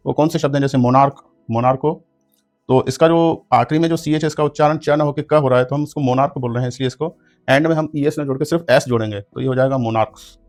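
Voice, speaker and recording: A man's voice: medium pitch, darkish tone. A man teaching an English grammar lesson in Hindi, explaining rules step by step and spelling words out letter by letter. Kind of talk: classroom lesson.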